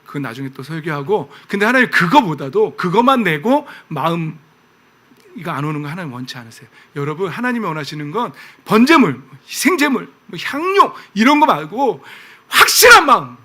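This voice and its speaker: A man pastor giving a lively, conversational sermon, often asking the congregation questions. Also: sits high, brisk.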